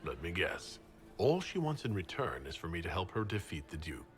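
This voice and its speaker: Courteous wary hero, low pitch, animated intonation, self-assured, fantasy game. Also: male voice, moderate pace, a little hiss or hum. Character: courteous, wary young lord inquisitor.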